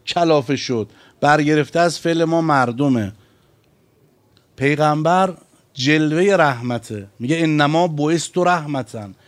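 Male cleric, sermon, fairly high voice, rhetorical questions, slow emphatic phrases.

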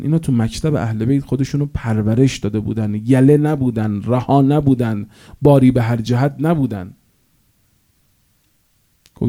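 A man's voice: fairly low pitch, mellow. A male cleric preaching a sermon in an impassioned, storytelling manner, rising to emphatic peaks.

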